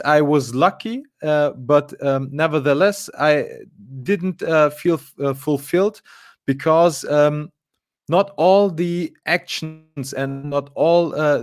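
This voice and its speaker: A man's voice: a little high, slow, no room sound, clean studio sound. A man, a guest in a casual live interview, talking with many fillers and restarts. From Germany. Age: 20s.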